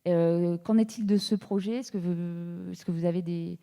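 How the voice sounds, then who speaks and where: A woman's voice: on the low side, fairly even intonation, moderate pace, gravelly, warm tone, long reverb tail. A woman in the audience asking a question hesitantly, searching for her words. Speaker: audience member.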